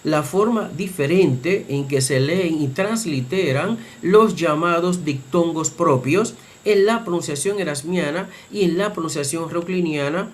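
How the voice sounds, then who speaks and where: A middle-aged man teaching Greek pronunciation in a methodical lecture, pausing with hesitations and clearing his throat now and then. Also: on the high side, a little hiss or hum. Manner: methodical explanation with frequent "eh" hesitations.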